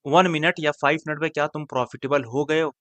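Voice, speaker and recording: A man teaching trading in a casual, blunt way, repeating phrases and swinging between loud urging and quiet muttering. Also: fairly high pitch, steady tone, fast talker, no room sound. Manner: blunt, slangy, repeats phrases, drops into mixed English. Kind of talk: casual screen-share trading lesson.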